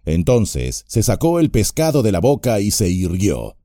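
Male audiobook narrator, mellow low voice, lively delivery, dry studio sound. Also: measured pace, no echo. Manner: expressive, dramatic reading.

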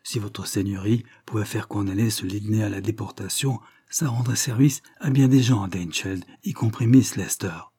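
A man's voice: lowish voice, moderate pace, hardly any pauses, mellow, husky, no room sound, studio quality. A man voicing a sly, spiteful gossiping woman. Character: sly spiteful scheming woman, feigning innocence.

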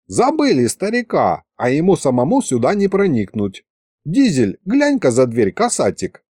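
A man voicing a calm, crafty old grandfather who drawls in folksy speech. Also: a little high, normal speed, breathy edge, dry recording, full character voice.

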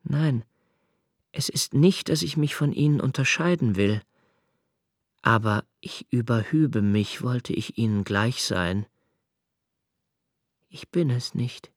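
In a radio play, a male actor with a medium-pitched, animated voice portrays a brooding, solitary diarist. His literary monologue is measured and introspective, anguished and searching in a self-questioning mood, recorded in clean studio sound with no room sound.

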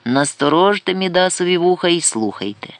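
A man's voice: high voice, animated, fairly quick, fairly bright tone, clean tone, no echo, voice pushed up. A man voicing a witty, mocking young adventurer with an ironic, mock-announcer delivery in an audiobook.

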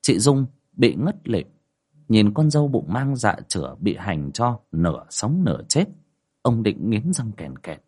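Man, storyteller, ghost story narration, low voice, husky, very animated pitch. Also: a little slow. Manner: dramatic, lively pitch.

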